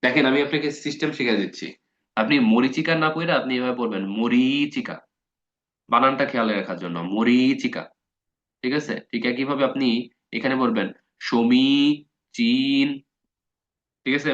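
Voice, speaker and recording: A man's voice: mid-range voice, rapid-fire, bright, forceful tone. Man teaching grammar in a dull recording. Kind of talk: casual spoken lesson.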